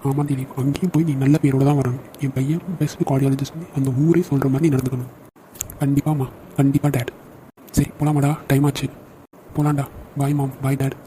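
A man's voice: medium pitch, level tone, fairly quick, mellow, slight background noise, lightly acted, rough recording. A man voicing a caring young brother and loyal friend in a cartoon, brotherly and teasing. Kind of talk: cartoon dialogue acting.

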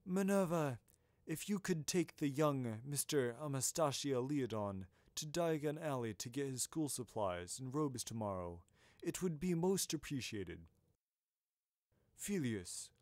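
A man voicing a wise elderly male headmaster who speaks gently, formally and firmly. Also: on the high side, no echo, clean studio sound.

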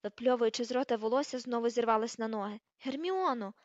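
Brief: woman audiobook reader, high voice, lively storytelling, dry close recording. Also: fast talker, dry recording. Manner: lively, reads page numbers aloud. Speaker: audiobook narrator. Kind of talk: expressive audiobook reading. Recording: slightly dull, dry recording.

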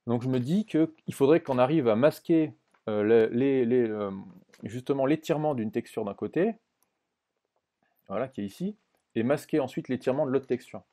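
A man presenting a screen-recorded software tutorial in a casual way, thinking aloud with many fillers and restarts and often checking in with the viewer. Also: medium pitch, moderate pace.

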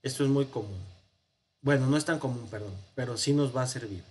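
A man's voice: medium pitch, fairly quick, a little mellow, slight background noise. A man with a Mexican Spanish accent teaching a Hebrew grammar lesson, explaining patiently with fillers and frequent check-ins with his class.

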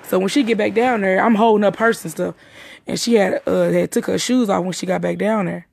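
A woman's voice: medium pitch, steady tone, fairly quick, vocal fry, a little mellow. A young woman giving a rambling, profane retelling of a night out, with many restarts and repetitions. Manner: rambling, profane, emphatic storytelling; repeats herself and restarts often. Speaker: witness recounting a night out. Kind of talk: casual spoken retelling.

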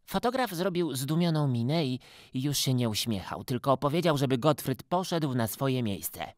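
A male actor narrating a children's storybook in an expressive, animated way. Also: mid-range voice, normal speed, dry recording, studio quality. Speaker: storyteller, theatre and dubbing actor.

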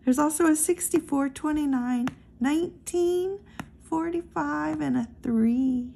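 A woman hosting a scratch-off ticket channel, reading numbers one by one in a slow, steady casual narration, recorded close indoors. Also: high voice, creaky. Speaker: lottery scratch-off channel host.

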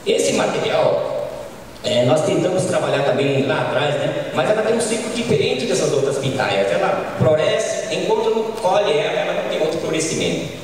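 A middle-aged Brazilian man giving an informal conference lecture on a handheld microphone, often ending points with quick tag questions. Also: on the high side, sing-song, slight background noise. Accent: Brazilian Portuguese. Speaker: agronomist lecturer. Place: large conference hall. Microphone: handheld mic, filmed from far. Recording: echoey hall from far off.

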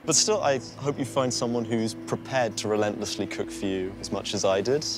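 A man on a dating show, reading out a roast poem in an earnest, measured way. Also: lowish voice. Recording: clip with music underneath.

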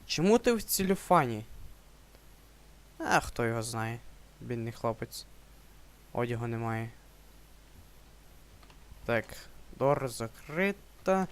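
A man's voice: medium pitch, sing-song, slow pace, pauses often, clean tone. A young man with a Ukrainian accent giving joking commentary while playing a horror game, yelping when startled. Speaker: let's play gamer.

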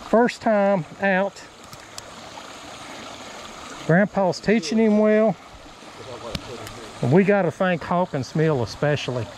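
A man's voice: high-pitched, takes it slowly, pauses often, a little mellow, low-quality recording. A middle-aged man hosting a fishing vlog outdoors by a creek, coaching a child with short, repeated instructions. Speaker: fishing bait company host. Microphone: body-worn action camera. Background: running stream water.

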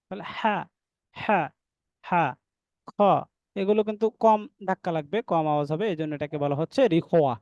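A man teaching a Quran recitation class, explaining step by step and slowly sounding out letters, and addressing listeners as dear brothers. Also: high voice, a little mellow, no echo. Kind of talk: online class lesson.

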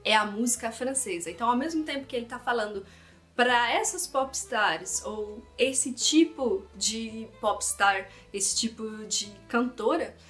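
A woman's voice: fairly high pitch, a little slow, a bit bright, faint music behind. A woman teaching a casual language lesson, explaining song lyrics and thinking aloud as she goes. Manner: chatty, thinks aloud, switches between reading French lines and explaining.

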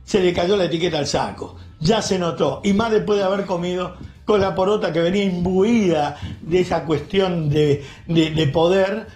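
Soft music plays in the background as a man with a high, darkish voice speaks at a normal speed with hardly any pauses, in roomy sound. An Argentine radio and TV host with a Rioplatense Spanish accent, he delivers an angry, sarcastic editorial rant full of insults.

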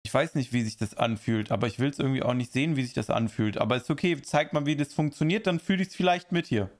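A man's voice: mid-range voice, quick pace. A man streaming live, chatting casually while reacting to a video and answering viewer chat in rambling asides.

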